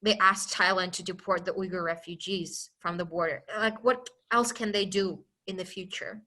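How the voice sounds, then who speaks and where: A young Chinese woman appears as a podcast guest, speaking earnestly and openly in a fairly low, bright, forceful voice with a steady tone at normal speed. Her talk is casual and unrehearsed, and she often breaks off to restart a thought.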